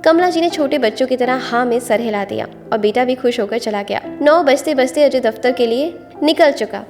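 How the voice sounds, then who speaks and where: A woman storyteller reading a moral story in steady, scripted narration. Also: high voice, fairly quick, soft background music.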